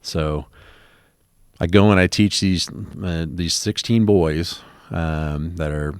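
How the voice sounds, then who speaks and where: A man's voice: low-pitched, slow pace, clean tone, no room sound, clean studio sound. A man telling his personal story in an interview, rambling with many ums and acting out the conversations he quotes.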